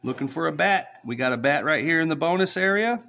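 East texas guy scratching tickets, chatty, kinda high voice, talking right to his followers. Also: animated, brisk, vocal fry, pushed and bright. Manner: chatty, talks straight to followers. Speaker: streamer scratching lottery tickets. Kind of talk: casual play-by-play vlog.

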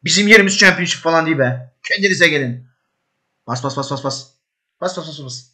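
Excitable man coaching players in a game. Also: brisk. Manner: coaching players aloud, urging and scolding; bursts into high shouts at attacks. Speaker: host playing a football management game. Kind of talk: live commentary while gaming.

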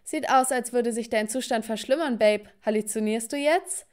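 A woman voicing a dismissive, mocking teenage boyfriend in a narrated animated story. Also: on the high side, normal speed, close to an everyday voice.

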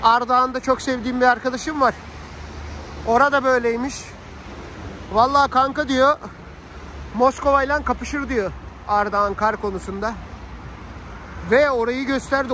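A Turkish vlogger with a very high voice narrates a chatty, slangy vlog on a snowy city street, tossing animated asides to family and viewers. He talks at normal speed with long pauses. Recorded on a handheld phone, the clip carries loud traffic noise.

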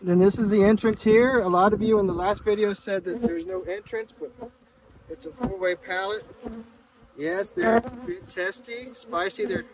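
Out in an open-field bee yard, a beekeeper talks through a hive inspection for a casual vlog, his voice sitting high. He's relaxed and halting, full of restarts and fillers. His camera mic picks up loud bee buzzing and wind.

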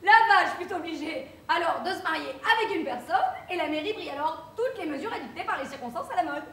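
A chuckling fire captain spins nonsense fables in a stage play, played by a woman. Her voice sits very high and leaps around theatrically. It is caught from a distance in a reverberant theatre with a faint rumble underneath. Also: lively intonation, a little fast, a bit bright, full character voice. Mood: amused. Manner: theatrical storytelling, chuckling through her tales. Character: female fire captain, tired, fond of absurd fables. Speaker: amateur stage actor.

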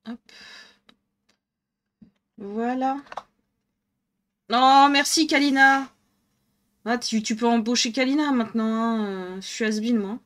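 A woman's voice: fairly high pitch, fairly even intonation, slow pace, pauses often. A woman with a northern French accent streaming live, chatting casually and thinking aloud as she colours, laughing often. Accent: northern French (ch'ti).

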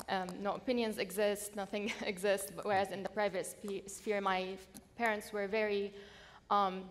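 A young woman from Syria speaking as a panelist in a large conference hall. Her mid-pitched voice is earnest and steady, with pauses filled by "um". The headset mic carries long hall reverb and a faint background hiss. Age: young adult. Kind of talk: personal testimony on a panel.

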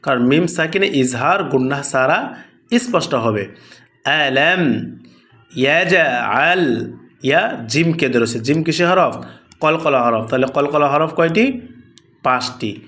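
In this Quran lesson, a Bangladeshi man with a fairly high, somewhat bright voice teaches recitation rules in an animated way. He draws out each word slowly as he recites, then explains the rules by posing his own questions and answering them.

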